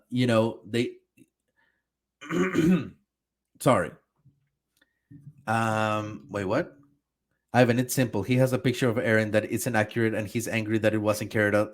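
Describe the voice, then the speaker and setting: Young guy hosting a reaction stream, swearing a lot, fed up and ranting. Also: mid-range voice. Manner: profane, exasperated ranting. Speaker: anime reaction host. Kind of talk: heated reaction commentary.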